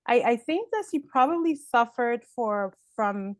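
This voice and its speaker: Slow, reflective woman guest. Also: on the high side, expressive, dry recording. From Haiti, raised in Canada. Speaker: guest, personal development speaker. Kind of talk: interview answers.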